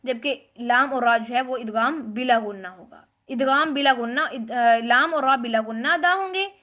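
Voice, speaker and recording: A woman teaching a tajweed class, explaining rules step by step and reciting Arabic words slowly and drawn out. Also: fairly high pitch, bright, forceful tone. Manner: explains rules step by step, asks and answers own questions. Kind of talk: tajweed lesson.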